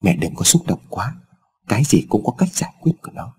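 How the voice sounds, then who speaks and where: A man doing a gentle grown daughter in a storybook, soothing and soft-spoken. The voice is quiet, husky and mellow. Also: fairly low pitch, sing-song, a little fast, exaggerated voice. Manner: soft and consoling.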